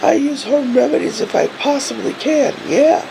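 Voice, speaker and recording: A middle-aged woman with a cold, chatting casually in a hoarse, congested, swollen-throat voice, rambling and wryly grumbling. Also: high-pitched, animated, moderate pace, background noise. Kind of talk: casual vlog chat. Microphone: phone or camera at arm's length.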